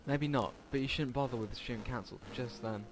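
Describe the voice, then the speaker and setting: A mid-range male voice, a little fast and captured on a rough recording, gives casual let's play narration of a visual novel, reading it aloud with asides and the odd stumble. Game music can be heard behind him.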